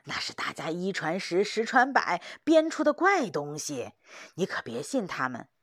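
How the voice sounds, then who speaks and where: A woman voicing an experienced old male hunter who speaks steadily and reassuringly, sometimes dropping to a hush. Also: fairly low pitch, very animated, normal speed, no echo, studio quality. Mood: questioning.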